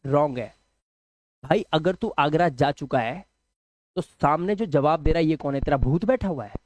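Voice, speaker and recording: A man with a Hindi accent teaching an English grammar lesson, lively and joking, firing rhetorical questions at his students. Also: on the high side, moderate pace, dry recording.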